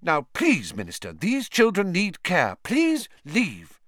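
A man voicing a fussy, stern woman school nurse in an audiobook reading, shrill and insistent. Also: huge pitch swings, slow, a bit bright, dry recording, studio quality, full character voice. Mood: firm.

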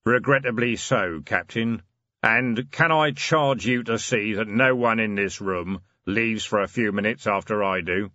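A man voicing a hooded, broad male stranger who speaks in a deep, slow, solemn way. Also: bright, forceful tone, no room sound, lo-fi sound. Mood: grave.

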